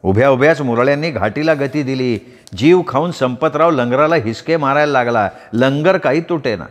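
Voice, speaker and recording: A man's voice: mid-range voice, moderate pace. A man giving a vivid, dramatic storytelling reading of a rural novel. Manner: vivid, expressive narration. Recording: long hall reverb.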